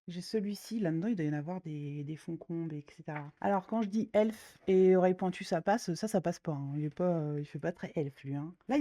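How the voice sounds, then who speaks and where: A woman's voice: on the low side, dark tone. A woman talking casually while browsing coloring books, chatty with many fillers, a little nasal from a cold. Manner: chatty, many fillers, slangy and self-mocking. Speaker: coloring YouTuber. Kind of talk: casual chat leafing through coloring books.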